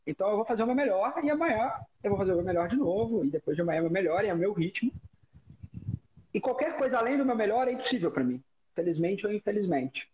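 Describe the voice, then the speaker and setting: A Brazilian man with a broken nose speaking as a guest in a casual, reflective conversation, in a halting way that often repeats words and phrases. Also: high-pitched, expressive. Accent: Brazilian Portuguese. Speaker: interview guest. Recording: dull audio with background noise.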